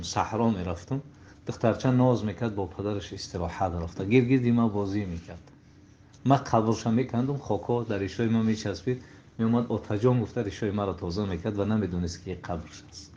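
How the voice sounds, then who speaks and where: A man giving a sermon and retelling stories, his voice rising to emotional peaks and falling to hushed passages. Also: fairly low pitch. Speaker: preacher. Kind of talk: sermon storytelling. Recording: dull lo-fi recording with faint noise.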